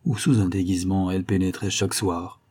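A man reading a nineteenth-century novel aloud in measured scripted narration. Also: low-pitched, level tone, a little mellow. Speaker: audiobook reader.

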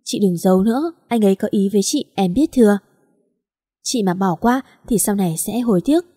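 A woman voicing an impulsive, chatty young woman who talks in an emotional, rapid, complaining way. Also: mid-range voice, mellow, husky, no echo, clean studio sound, natural voice.

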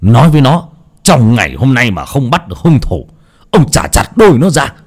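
A man's voice: low voice, expressive, fast talker, a little mellow. A man voicing a hot-tempered young master of a wealthy house who barks orders at his servants. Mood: furious. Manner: gruff, barking, domineering.

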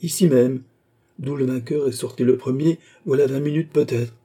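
A man's voice: mid-range voice, steady tone, normal speed, mellow, slightly rough, pitched above the performer's own voice, lightly acted. A suave police magistrate, read by a man. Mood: smug. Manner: polite, smugly deferential. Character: suave older male police chief. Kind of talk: audiobook reading.

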